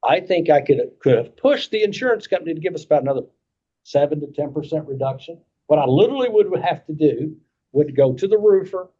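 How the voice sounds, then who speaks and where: A man's voice: a little high, animated, fast, warm tone, slightly rough. A man with a Kentucky accent explaining things at a meeting in a folksy way, repeating points and checking that listeners follow. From Kentucky, United States. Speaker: insurance agent presenting to committee. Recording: dull lo-fi meeting audio.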